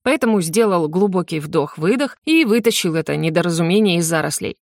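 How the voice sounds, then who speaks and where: Audiobook narrator, woman, lively ironic delivery, dry booth sound. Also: lowish voice, fairly quick, no room sound. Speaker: audiobook reader. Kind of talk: scripted narration.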